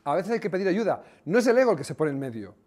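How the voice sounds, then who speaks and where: A man, a former coach giving a motivational talk, telling lively anecdotes with sound effects. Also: high voice, fast talker. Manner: animated storytelling with sound effects.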